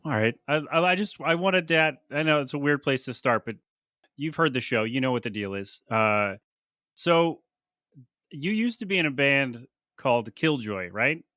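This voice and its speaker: Bright-voiced jokey podcast host, a man. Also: medium pitch, animated, normal speed, dry recording, clean studio sound. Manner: jokey, teasing, laughs often. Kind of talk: casual podcast interview.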